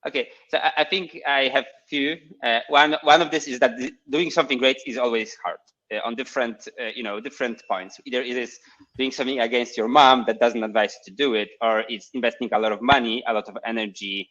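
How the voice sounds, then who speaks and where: A man's voice: medium pitch, steady tone, fast talker, bright, forceful tone. Hesitant man on a muffled call. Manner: hesitant, searching for words, many fillers. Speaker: guest entrepreneur. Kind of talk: casual advice on a video call. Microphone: video call. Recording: muffled video-call audio.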